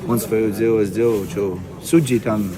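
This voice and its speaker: A man, a fighter, chatting casually after a bout in a husky voice and clipped, slangy, defensive phrases. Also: lowish voice, steady tone, measured pace, a crowd in the background. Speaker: fighter being interviewed. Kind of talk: casual post-fight chat.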